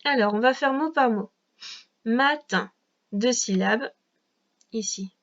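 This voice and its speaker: A woman's voice: a little high, measured pace, dull audio. A woman teacher guiding a young child through a reading lesson at a patient, carefully articulated pace. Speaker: first-grade teacher.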